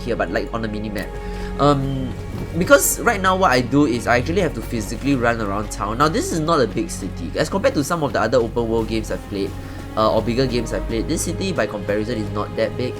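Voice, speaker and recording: A man hosts a casual let's-play with chatty, rambling commentary and the odd mild curse. His pitch sits mid-range for a man. Faint game music plays underneath. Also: big pitch swings, fast. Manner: chatty, rambling, swears lightly. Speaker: gaming channel host.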